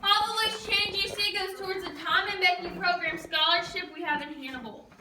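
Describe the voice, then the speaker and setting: A woman's voice: very high-pitched, fairly even intonation, a little fast, sharp tone, distant mic. A woman working as a cave tour guide, giving semi-rehearsed tour narration with her voice echoing in the cave. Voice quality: cave echo on the voice. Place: inside a show cave. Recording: echoey cave, off-mic, faint noise.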